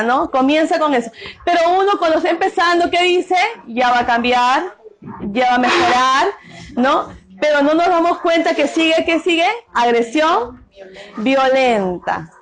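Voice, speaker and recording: A middle-aged woman with a high voice, teaching a group. She keeps asking the audience questions and answering them herself, tagging her points with quick questions. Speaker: workshop speaker on domestic violence. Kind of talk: interactive talk to a group.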